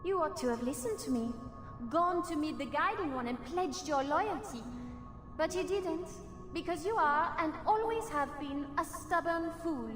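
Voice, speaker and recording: High, echoing, scornful spirit voice. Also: female voice, expressive, moderate pace, a bit bright. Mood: bitter contempt. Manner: haughty, scolding, contemptuous. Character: scornful disembodied female voice haunting a woman's body. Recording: echoing long reverb, music behind.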